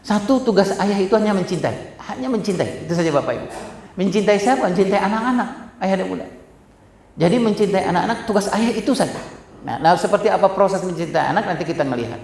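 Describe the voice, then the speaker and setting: A man's voice: high-pitched, animated, quick pace, vocal fry, a little mellow, slight background noise. A middle-aged man gives a talk on parenting in a roomy hall, and his voice rings off the walls. He keeps turning to the crowd and joking at his own expense as he goes. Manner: addresses audience directly, frequent self-deprecating humor. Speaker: parenting speaker. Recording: echoey hall.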